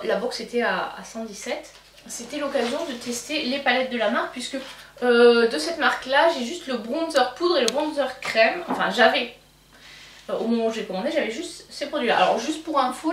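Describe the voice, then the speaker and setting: A young French-accented woman, who calls out her own accent, gives a chatty, casual review of a beauty box as a beauty vlogger, stumbling through fillers and restarts. Her pitch is fairly high and a bit bright, and the echoey recording was made at a distance.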